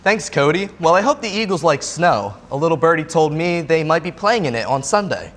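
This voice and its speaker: A man's voice: on the high side, animated, a little fast, fairly bright tone, slight background noise. A young man co-anchoring a local news show with dry, joking remarks.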